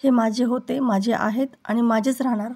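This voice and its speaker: A woman's voice: fairly high pitch, fairly even intonation, moderate pace, dark tone. A woman reading the lines of a young bride-to-be, firm, composed and pleading. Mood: determined. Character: calm, determined young bride-to-be.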